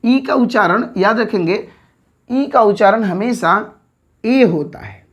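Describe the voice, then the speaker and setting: Standing at a whiteboard, a woman teaches an English grammar lesson, repeating words slowly and checking understanding with quick questions. Her voice is medium-pitched, animated and slightly breathy.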